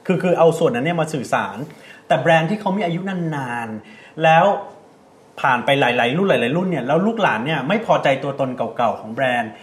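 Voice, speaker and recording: Thai radio host, male, higher voice, quick, asks questions and backchannels a lot. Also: expressive. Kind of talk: radio talk show interviewing.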